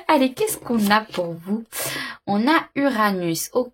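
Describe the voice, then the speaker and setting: Woman, tarot reader, breathy husky tone, hesitant, lots of fillers, repeats herself, casual reading to camera. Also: medium pitch, lively intonation, a little slow, fairly bright tone. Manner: hesitant, many fillers and repeated words, intuitive musing.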